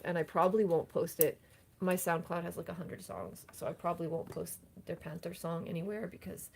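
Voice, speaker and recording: A woman's voice: on the low side, gravelly, darkish tone, a little hiss or hum. A young woman chatting casually on a livestream in a rambling, self-deprecating way. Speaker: livestream host, singer-songwriter.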